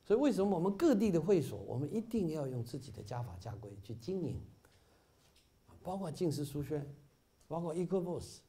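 In a bookstore meeting hall, a middle-aged man talks informally about Buddhism with his fellow volunteers. His mellow voice runs on the high side, sing-song and brisk, with frequent "ah" fillers and rises into emphatic peaks.

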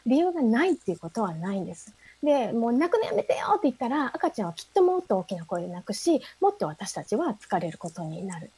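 Lively, quick-talking woman giving a talk. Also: on the high side, breathy edge. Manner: soft, frequent fillers, asks the audience questions. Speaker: speaker giving a short talk. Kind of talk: prepared stage talk.

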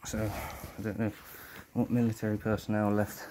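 An urban explorer mutters his way through a dusty, cluttered abandoned house, swearing casually and talking to himself and his viewers. His fairly low voice is completely flat, moving at a moderate pace. The handheld phone or camera captures a noisy recording dotted with clicks.

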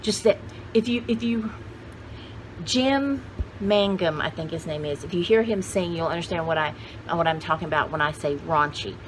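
Her pitch fairly low and her pace moderate, a woman in her sixties shows vintage finds on camera in a cluttered, shelf-lined room. She rambles casually in a folksy, exclamatory style, often talking to herself and her viewers, over a noisy background.

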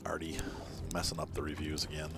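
A man's voice: extremely low pitch, completely flat delivery, fast, heavy background noise. A man reviewing a fishing game as he plays, talking casually, often correcting himself mid-sentence and apologizing. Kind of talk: casual gameplay commentary.

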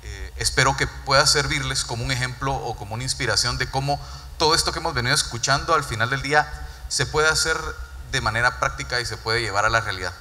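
Bright-voiced man giving a stage keynote. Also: mid-range voice, fast talker. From Guatemala. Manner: earnest, repeats words while building points. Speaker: corporate speaker. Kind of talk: conference keynote talk. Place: large dark event stage. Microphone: handheld mic. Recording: reverberant stage hall.

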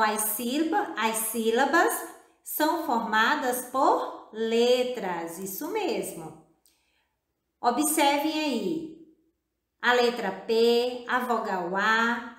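Lady teacher doing a video class for kids, spells things out slow, kinda high voice, roomy echo. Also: a bit bright. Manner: slow, drawn-out, encouraging, often repeating and spelling out syllables. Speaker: primary school teacher. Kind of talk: recorded video lesson for children. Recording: echoey room.

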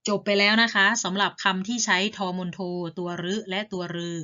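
A woman's voice: medium pitch, fairly even intonation, brisk, pushed and bright, highs cut off. A woman teaching a reading lesson to primary school children in a patient, polite way. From Thailand.

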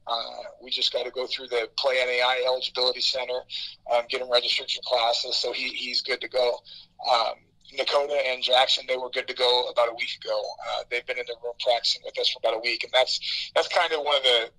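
A man's voice: medium pitch, flat delivery, brisk, pushed and bright. A man coaching college wrestling, talking upbeat over the phone, with many fillers and repeated words. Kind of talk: phone interview. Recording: tinny phone line.

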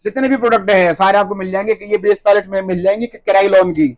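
A man in his 30s who owns a wholesale cosmetics shop rattles off prices in a fast, pushy sales pitch, repeating words as he goes. His voice is high but his tone stays steady. He's filmed up close on a handheld phone camera indoors, surrounded by stocked shelves.

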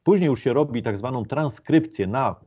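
A man's voice: medium pitch, expressive, normal speed, mellow, husky, muffled recording. A man giving an informal lecture, explaining step by step with many fillers and restarts.

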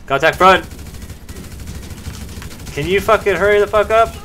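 A man in his thirties shouting urgently and swearing while commentating live on a game he is streaming. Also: sits high, measured pace. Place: small indoor streaming room. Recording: clear noise of game sounds and vehicles.

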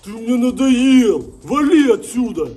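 A man playing a gruff, impatient prison policeman in a comedy sketch, speaking in a curt, scolding way. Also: extremely high pitch, animated, slow, dark tone, soft background music, exaggerated voice. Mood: irritated.

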